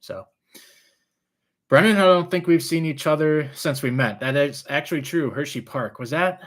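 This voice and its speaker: A live stream host with a mid-range, slightly bright voice answers viewer questions in a rambling, easygoing way. He has trouble with his R's, which come out sounding like W's.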